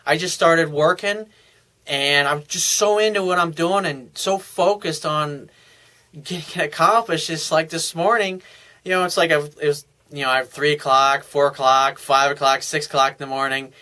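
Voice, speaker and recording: Bright-voiced tired man giving advice. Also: fairly high pitch, fairly even intonation, normal speed. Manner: loose, conversational, with many fillers and restarts. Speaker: dating coach. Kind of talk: casual advice monologue.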